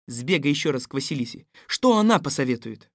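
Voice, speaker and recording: An actor playing a stern but sensible fairy-tale tsar who speaks in a gruff, commanding way. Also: male voice, mid-range voice, very animated, a little fast, no room sound, clean studio sound. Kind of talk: audio fairy-tale drama.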